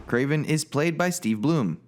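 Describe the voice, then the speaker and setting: A man's voice: on the high side, animated, measured pace, background noise. A man narrating a comedic video game critique in a sarcastic, mocking way.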